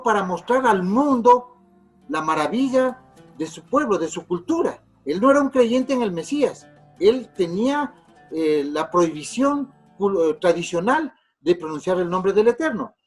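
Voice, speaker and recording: A high-voiced man with a husky tone gives a lecture on religious history. He talks, explaining step by step with frequent fillers and false starts. Faint music plays underneath. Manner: explanatory, with many fillers and restarts. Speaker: religious teacher.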